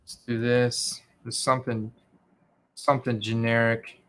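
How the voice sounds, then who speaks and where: A man's voice: mid-range voice, little pitch movement, a little slow, fairly bright tone. A man hosting a livestream, chatting casually and informally with his viewers. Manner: informal, addresses viewers as guys. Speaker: livestream host.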